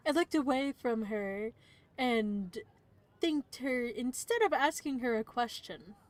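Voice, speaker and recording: A woman's voice: fairly high pitch, slow pace. A woman streamer reading visual novel narration aloud, breaking off now and then for playful asides.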